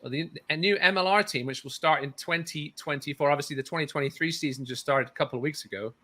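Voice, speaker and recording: A man's voice: on the high side, quick pace, sharp tone. A man hosting a casual rugby talk show, chatty and rambling, with lots of restarts. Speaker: podcast host.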